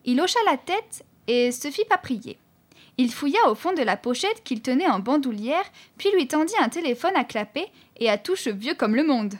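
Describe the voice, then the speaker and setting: A woman narrating a children's story in an expressive, clear reading voice. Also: high-pitched, normal speed. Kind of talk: audiobook narration.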